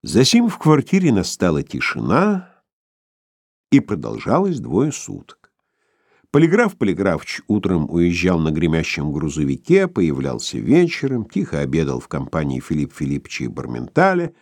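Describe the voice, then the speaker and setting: Expressive male audiobook narrator. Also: sits low, moderate pace, dry recording, studio quality. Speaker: audiobook reader.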